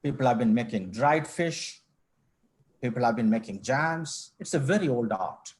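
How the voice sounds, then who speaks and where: Middle-aged guy from kerala, md on a video call interview, formal n measured, restarts a lot, middle pitch. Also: expressive. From India, Kerala. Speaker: company managing director, guest. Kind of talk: online panel interview.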